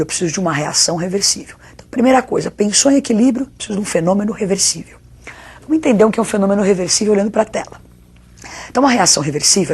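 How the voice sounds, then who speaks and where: Woman, Brazilian accent, very raspy and breathy, lowish pitch, didactic teacher explaining a lesson. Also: a little mellow. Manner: didactic, with rhetorical questions and check-in tags. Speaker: chemistry teacher. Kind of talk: spoken video lesson.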